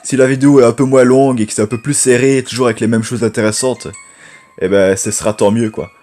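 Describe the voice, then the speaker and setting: A man's voice: fairly even intonation, fast, darkish tone. Chatty man, rambling gameplay commentary. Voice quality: low voice. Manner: rambling, chatty, addresses viewers as friends. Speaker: gaming YouTuber.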